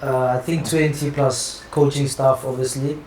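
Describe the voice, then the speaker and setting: A South African man, a football player, talking casually in a relaxed, unhurried way. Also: medium pitch, a loud crowd. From Johannesburg, South Africa. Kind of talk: casual chat. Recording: roomy echo.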